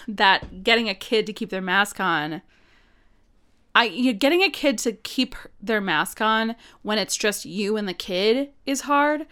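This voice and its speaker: A woman's voice: mid-range voice, bright, forceful tone, clean tone. Chatty woman podcast co-host. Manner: chatty, lots of fillers, laughs often. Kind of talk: casual chat. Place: home study.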